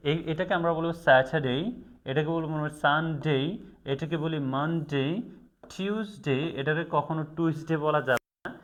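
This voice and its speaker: A man teaching English in a video lesson, repeating words slowly to drill their pronunciation. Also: fairly high pitch, a bit bright. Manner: slow and repetitive, drilling pronunciation.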